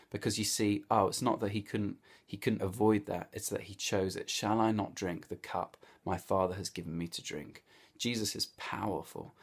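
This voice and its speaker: A man giving a devotional Bible talk, telling the story in a lively, storytelling way. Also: on the low side. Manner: storytelling, animated, with vivid hypotheticals. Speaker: Bible teacher.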